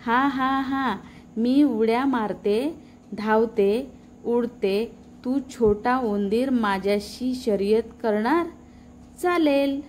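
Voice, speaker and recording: A woman's voice: a little high, slow, a little mellow, slight background noise. A woman voicing a playful, greedy female goat in a children's storybook tale, boastful and teasing.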